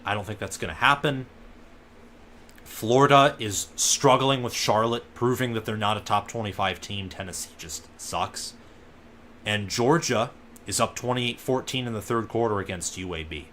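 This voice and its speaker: Low-voiced man reacting to a live game. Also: a little hiss or hum. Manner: relaxed, thinking aloud with fillers and asides. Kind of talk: casual live game commentary.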